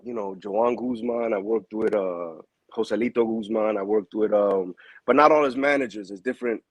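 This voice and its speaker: A man, a boxing manager, talking casually in a relaxed, slangy way. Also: lowish voice, normal speed, no room sound. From New York. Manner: relaxed, slangy, calls people bro. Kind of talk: casual interview.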